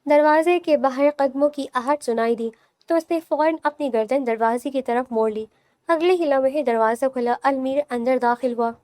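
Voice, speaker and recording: High-voiced woman narrating a romance. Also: darkish tone, no room sound. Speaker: audio novel narrator. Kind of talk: scripted narration.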